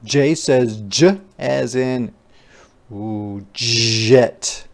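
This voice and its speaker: In a phonics lesson for little ones, a teacher with a medium-pitched voice reads aloud, repeating sounds and words on purpose. Simple explanatory asides aimed at the children punctuate the reading.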